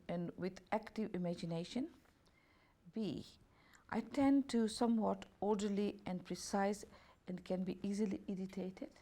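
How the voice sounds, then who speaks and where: In a medium-pitched voice with a dark tone, a woman therapist specializing in holistic health and beauty reads a self-assessment questionnaire aloud. She takes each option as A, B and C at an unhurried pace, and her grammar is slightly non-native.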